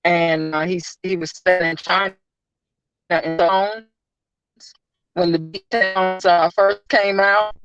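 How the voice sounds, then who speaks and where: A woman's voice: on the low side, steady tone, slow, pauses often, fairly bright tone, clear, resonant tone, dry recording, soft background music. A woman guest talking casually on a live show over a glitchy call that keeps dropping in and out. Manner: talkative, restarts sentences often. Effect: glitchy call audio dropping in and out. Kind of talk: casual chat. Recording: dull, dry internet call audio.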